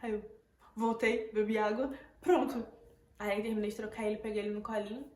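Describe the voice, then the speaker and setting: A woman's voice: mid-range voice, little pitch movement, brisk. Emotional Brazilian woman vlogger, echoey room. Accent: Brazilian Portuguese. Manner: breathless, emotional retelling with repeated words. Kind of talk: casual storytelling to camera. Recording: echoey room, faint background noise.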